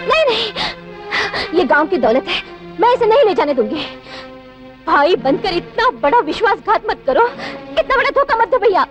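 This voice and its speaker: High, sobbing young sister who pleads with her bandit brother, music under her. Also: very animated, moderate pace. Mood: anguished. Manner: desperate pleading. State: crying. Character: young village woman, orphan, pleading sister. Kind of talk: 1980s film acting.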